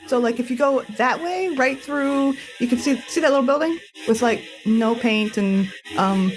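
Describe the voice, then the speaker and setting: A woman gives voice to a scatterbrained young intern at a nature preserve, whose talk wanders through fillers and false starts. The voice sits a little high, and the intern never quite finishes a thought before starting the next. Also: moderate pace, lightly acted. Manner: rambling, hesitant, full of fillers and restarts. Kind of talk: tabletop role-play.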